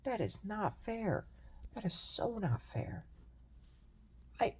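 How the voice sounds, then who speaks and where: A young man talking through a personal video diary in a reflective, rambling way, with many fillers and pauses. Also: sits high, big pitch swings, a little hiss or hum. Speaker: video journal host.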